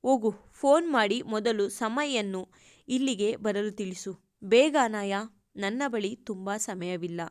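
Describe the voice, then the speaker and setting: A woman's voice: medium pitch, a little slow, no echo, clean studio sound, close to an everyday voice. A woman voicing a critically ill older man who speaks faintly and with strain, urging and pleading. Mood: urgent.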